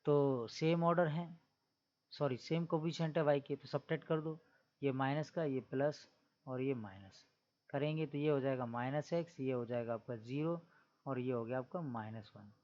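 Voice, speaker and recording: A man's voice: mid-range voice, moderate pace, a little mellow, lo-fi sound. A man teaching maths in a classroom-style lecture, explaining step by step and asking his students questions as he goes. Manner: keeps adding the tag 'theek hai na'.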